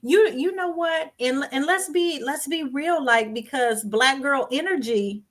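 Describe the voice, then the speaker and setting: A woman's voice: sits high, a little slow. A woman hosting a podcast, chatting casually and affirming her guest with enthusiastic interjections. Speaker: podcast host. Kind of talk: casual chat.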